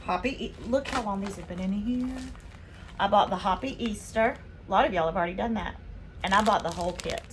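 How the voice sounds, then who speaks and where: A woman from Spain hosting a casual haul vlog, chatting excitedly as she unboxes her purchases. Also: medium pitch, fairly quick, slight background noise. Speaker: vlog host.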